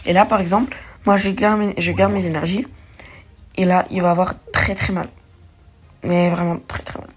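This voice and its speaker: A young woman with a medium-pitched, steady, slightly rough voice talks fairly quickly as she plays a card game for her gaming channel. She thinks aloud casually in slang, correcting herself as she goes, and faint music sits behind her.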